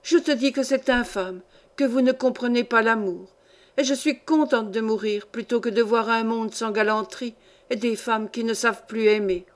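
A woman's voice: on the high side, normal speed, close to an everyday voice. Woman voicing old aristocratic grandmother, indignant, worldly, lecturing, audiobook. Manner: scornful, lecturing, sweeping tirade. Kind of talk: audiobook reading.

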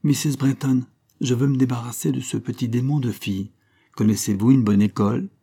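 A man's voice: mid-range voice, fairly even intonation, brisk, vocal fry, dark tone, slightly rough, voice pushed up. A man voicing a genial older nobleman, a count, with a jovial, teasing manner.

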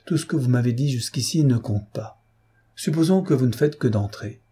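A man voicing a kind, gently amused princess who speaks softly with a sly touch, in an audiobook. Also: mid-range voice, lively intonation, normal speed, breathy edge, voice pushed up. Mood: gentle.

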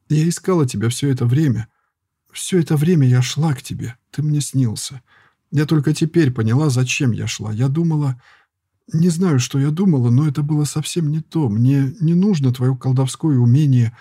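A lovesick young girl who pleads with trembling urgency, as a male audiobook reader puts her on. The voice is lifted higher but stays dark and breathy underneath. It is recorded close and dry, with no room sound. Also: moderate pace, no room sound. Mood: pleading. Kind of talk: audiobook character reading.

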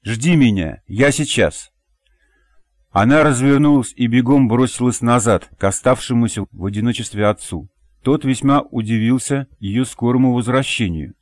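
A man narrating an audiobook in an even, measured reading voice. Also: medium pitch, dry recording, clean studio sound. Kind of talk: scripted narration.

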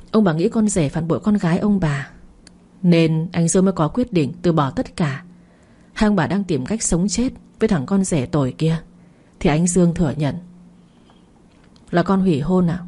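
A woman narrating a family drama story in a steady, dramatic manner. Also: on the low side, moderate pace, husky.

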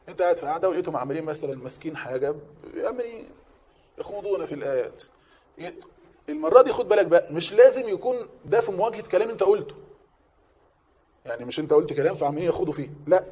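A man with an Egyptian accent giving a Quran lesson in colloquial speech, lively and acting out objectors in quick asides. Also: high-pitched, slightly rough. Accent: Egyptian Arabic. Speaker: preacher.

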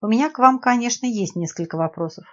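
Woman reading sharp-tongued middle-aged housewife sleuth, indignant, dull lo-fi audiobook audio. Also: on the high side, lively intonation, quick pace, voice pushed up, natural voice.

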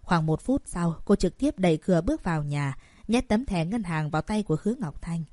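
A woman narrating an audiobook in a steady storytelling manner. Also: lowish voice, a little fast, no echo, studio quality. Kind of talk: scripted narration.

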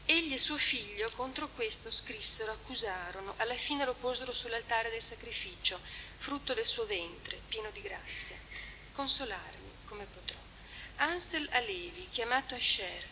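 A female conference speaker reads an academic lecture aloud in translation at a lectern in a conference hall. Her voice is bright, crisp, on the high side, and animated, yet her reading is measured and deliberately paced. The hall recording is echoey with hiss.

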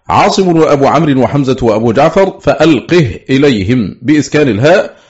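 A man reading aloud from a classical scholarly book in a measured, precise way. He slows down to recite each quoted word. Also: mid-range voice, darkish tone. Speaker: reader of a classical text. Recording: dull lo-fi recording.

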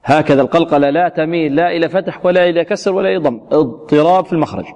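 A fairly high-voiced man teaches Quran recitation, stretching out each example word with care before snapping back to brisk correction. He quizzes his students and answers his own questions. His voice rings with a long reverb, as if in a large hall. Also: darkish tone, lo-fi sound. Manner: slow, drawn-out demonstrations of each word, then quick corrections; asks questions of the students and answers them himself. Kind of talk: tajweed lesson with recited examples.

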